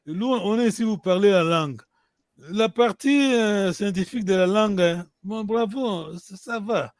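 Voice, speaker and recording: A man's voice: sits high, moderate pace, dry recording, clean studio sound. A man teaching a language class, hesitant, restarting his sentences and often checking that students follow. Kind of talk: online language lesson.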